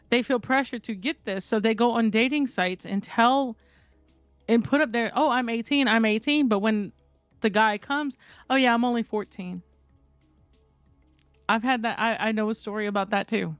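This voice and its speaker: Blunt, animated woman in candid chat. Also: on the high side, no room sound. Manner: candid, blunt, swears freely, animated storyteller. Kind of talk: casual chat.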